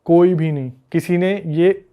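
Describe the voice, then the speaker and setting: Here the guest storyteller speaks a bit slowly, his male voice fairly high and clean, though the recording comes through thin and tinny. He's retelling a spooky story for a casual podcast, animated throughout and performing the lines of the people he quotes.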